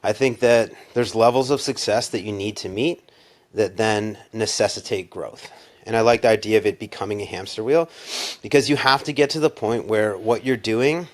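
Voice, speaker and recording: Low-voiced man agreeing thoughtfully. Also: normal speed. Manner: agreeable, builds on the other speaker's points. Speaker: podcast co-host. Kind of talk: casual podcast discussion.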